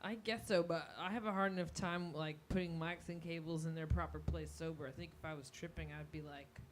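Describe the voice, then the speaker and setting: A woman hosting a live talk show, asking questions and cracking quick, teasing jokes. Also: sits low, steady tone, noisy background.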